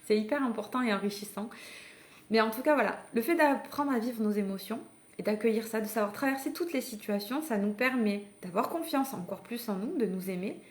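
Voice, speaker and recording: A woman's voice: on the high side, a little fast. A woman parenting coach giving a live masterclass, talking conversationally and encouragingly to her listeners, with frequent hesitations and restarts. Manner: addresses the listeners directly and invites them to act. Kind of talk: live online masterclass talk.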